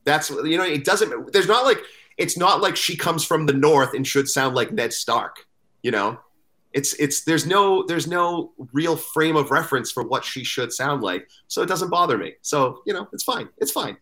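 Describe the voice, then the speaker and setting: Animated man making his case. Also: on the high side, normal speed. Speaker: podcast panelist. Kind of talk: casual chat.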